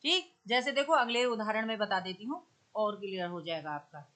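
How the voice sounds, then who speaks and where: A woman teacher explaining grammar step by step, reciting verse lines slowly and drawing them out. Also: mid-range voice, fairly bright tone. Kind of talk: exam-prep grammar lesson.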